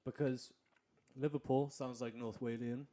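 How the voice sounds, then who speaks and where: Young co-host, blunt arguer, mid-range pitch. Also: male voice, steady tone, measured pace, a crowd in the background. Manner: blunt, argumentative. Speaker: podcast co-host. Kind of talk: casual chat.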